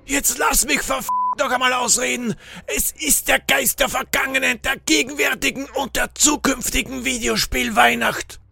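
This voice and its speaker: A foul-mouthed old ghost. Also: male voice, fairly even intonation, moderate pace, vocal fry, slightly rough, dry recording, faint music behind, full character voice. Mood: impatient. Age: older. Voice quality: shrill, shouting, sing-song rants. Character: furious old male ghost of video games, foul-mouthed. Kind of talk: audiobook-style story narration.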